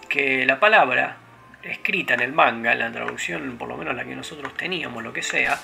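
A man with a Rioplatense accent talks through his gameplay in a loose, rambling way, drifting between stories and the game. His voice sits mid-range with a strong gravelly rasp, and game music plays clearly behind him. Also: mid-range voice, brisk. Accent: Rioplatense Spanish. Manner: rambling, digressive storytelling with frequent fillers. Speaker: let's play host. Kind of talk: casual gameplay commentary. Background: video game music.

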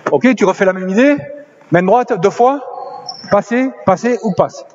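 A man coaching basketball players on court, directing drills with quick commands and encouragement. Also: sits high, animated. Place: indoor basketball gym. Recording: slightly dull lo-fi sound with faint noise.

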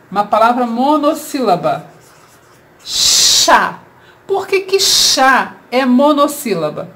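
A woman with a Brazilian Portuguese accent teaching a children's grammar lesson, explaining slowly and asking rhetorical questions. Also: on the high side.

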